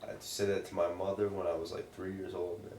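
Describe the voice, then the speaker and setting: Low, creaky male interviewee, loose drunken rambling and swearing, casual chat picked up across an echoey room. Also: little pitch movement, quick pace, a little mellow. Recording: roomy, distant mic, faint noise.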